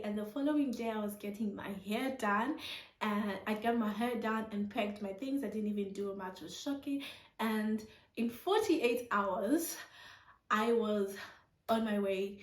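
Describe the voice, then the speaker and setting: A young woman with a fairly high voice tells her story casually. She is animated, laughs often and acts out conversations. The recording has a noticeable room echo. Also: far from the mic. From Zimbabwe. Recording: echoey room.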